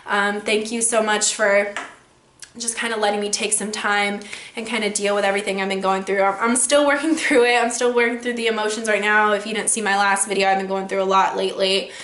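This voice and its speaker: A woman's voice: mid-range voice, fairly even intonation, a little fast, fairly bright tone, roomy sound, a little hiss or hum. A young woman giving casual dating advice in a vlog, chatty and rambling with lots of fillers. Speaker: vlogger.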